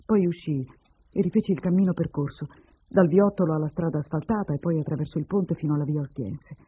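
A man reading a short story aloud in a measured and expressive first-person narration. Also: on the high side, slightly rough, rough recording. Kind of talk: literary reading.

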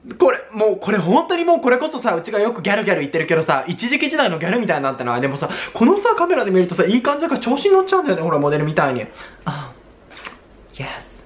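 Young male vlogger, gyaru-slang chatter, theatrical and quick, widely swinging pitch. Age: young adult. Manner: Japanese gyaru slang, casual exaggerated girly-slang talk; animated, theatrical exclamations. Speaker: video host. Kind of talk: casual makeup vlog chat. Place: small plain indoor room.

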